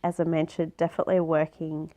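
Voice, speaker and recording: A woman's voice: low voice, monotone, fast talker, warm tone. A woman recording a casual video diary, sounding nasal from a cold and talking in a chatty way with many ums. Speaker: vlogger.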